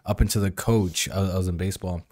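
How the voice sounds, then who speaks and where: A man's voice: low-pitched, fairly even intonation, fast talker, mellow. A young man in casual conversation as a podcast co-host, recorded at a table microphone in a small studio. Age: young adult. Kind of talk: casual chat. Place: small indoor studio with padded walls.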